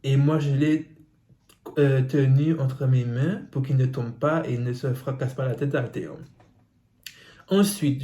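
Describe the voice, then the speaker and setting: A man's voice: medium pitch, warm tone. A man reading out viewer secrets on his phone and reacting to them with teasing asides. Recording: roomy echo.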